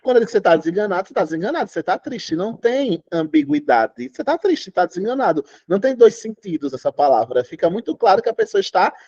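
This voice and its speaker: A man's voice: high voice, sing-song, fast talker, hardly any pauses, mellow, husky, no room sound. A Brazilian man teaching Portuguese in an online exam-prep class, emphatic and often checking that students follow. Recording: dull, lo-fi online class audio.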